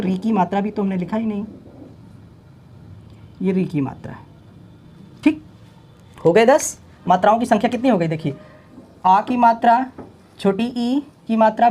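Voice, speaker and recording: A man's voice: high-pitched, mellow. Man drilling exam-prep lesson. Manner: repetitive drilling, reciting letters aloud, asks questions and answers them himself. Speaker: teacher.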